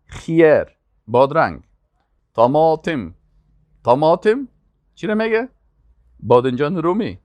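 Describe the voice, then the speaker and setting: An older man, teaching Arabic vocabulary. He calls each word out slowly and loudly, then gives quick explanations. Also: fairly high pitch, no room sound. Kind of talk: classroom vocabulary lesson.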